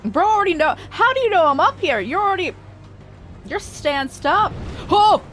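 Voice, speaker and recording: A woman streaming a game, chatting casually and reacting loudly with frequent laughs, her voice slightly hoarse. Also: extremely high pitch, moderate pace. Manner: animated, reactive, laughs often. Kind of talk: casual live-stream commentary. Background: faint game music.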